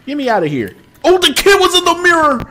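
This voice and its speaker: This young man's very high-pitched voice swoops wildly and races along as he streams a horror game live. He talks nervously to his chat from a small room with posters behind, jumpy and prone to sudden loud yelps and laughter.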